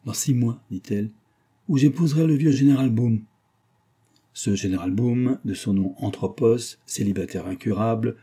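A man reads a classic novel aloud in measured, careful audiobook narration. His voice is very dark and mellow, a little low, with a husky grain.

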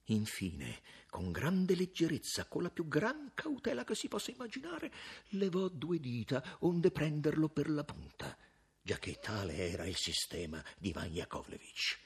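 Male narrator for a classic story reading: husky, theatrical, lively swings of pitch. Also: a little slow. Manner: theatrical, with sudden drops to a hush.

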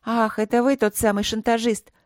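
A hot-tempered teenage schoolgirl who yells in a high voice, as a woman narrator puts her on. The reading is close and dry, as in a storybook. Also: little pitch movement, moderate pace, no room sound, close to an everyday voice. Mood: furious. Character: fierce furious teenage schoolgirl.

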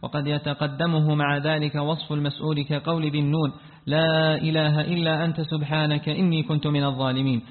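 A man reading a classical text aloud to his teacher, rushing and restarting when he stumbles over words. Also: on the high side, level tone. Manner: rapid reading with frequent restarts after stumbles. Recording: tinny phone-like sound with a long hall reverb.

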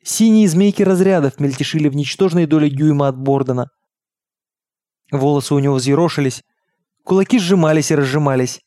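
A man reading an audiobook in steady, measured narration. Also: a little high, no echo, studio quality. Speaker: audiobook reader. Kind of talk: scripted narration.

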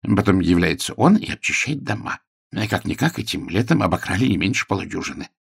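A man reading an audiobook plays a jumpy, suspicious young gentleman who talks in an insistent, agitated way. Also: deep voice, sing-song, a little fast, vocal fry, slightly rough, no echo, studio quality, exaggerated voice. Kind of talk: audiobook character voice.

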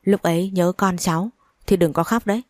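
A woman's voice: on the low side, brisk, a little mellow, no room sound, studio quality, close to an everyday voice. A woman voicing a young husband who scolds his mother in a raised, reproachful voice.

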